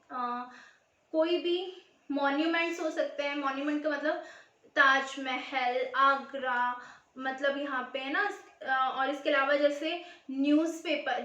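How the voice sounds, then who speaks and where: Lady teacher, high voice, goes over words slow and asks then answers herself, super echoey room. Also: fairly bright tone. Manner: patient, repeats words slowly and answers her own questions. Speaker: school teacher. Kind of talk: classroom grammar lesson.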